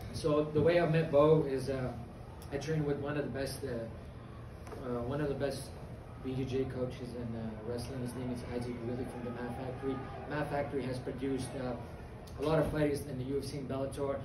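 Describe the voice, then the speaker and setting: A young man from Afghanistan, an MMA fighter giving a confident, earnest post-fight interview with many pauses and fillers. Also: medium pitch, flat delivery, background noise. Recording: echoey venue, distant mic, loud crowd ambience.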